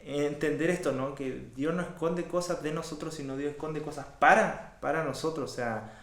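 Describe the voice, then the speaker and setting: A man's voice: a little high, normal speed. Church guy hosting bible study, encouraging, lots of ehs, echoey room. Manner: warm and encouraging, lots of fillers, reacts with wows.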